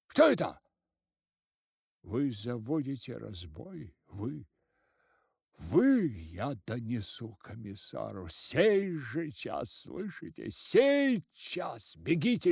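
Storybook figure: pompous grey one-eyed village head, blustering, read by a man, slow, dry. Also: lowish voice, breathy edge, no room sound, heavily acted. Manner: blustering, shouting orders.

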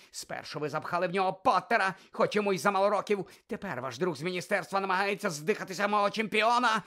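A man voicing a furious middle-aged foreign headmaster who shouts accusations in a raised, loud voice. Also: sits high, voice pushed up, exaggerated voice.

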